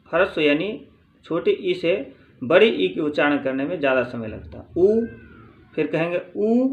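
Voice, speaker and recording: A man teaching grammar, reading from a textbook and explaining slowly, repeating points and answering his own questions. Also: fairly high pitch, dull audio. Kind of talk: spoken lesson reading from a textbook.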